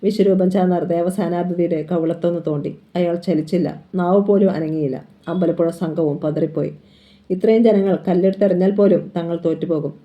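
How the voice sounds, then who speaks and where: A narrator reads a crime thriller aloud with dramatic, steady storytelling at a middling pitch. The sound is dull and lo-fi, as from a cheap recording. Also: a little fast. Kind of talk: crime novel reading.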